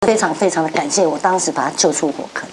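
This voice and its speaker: A woman's voice: deep voice, fast, heavy background noise. A woman in her forties on a talk show, animatedly telling a story and acting out the voices. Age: 40s. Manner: acts out voices and gasps while telling a story.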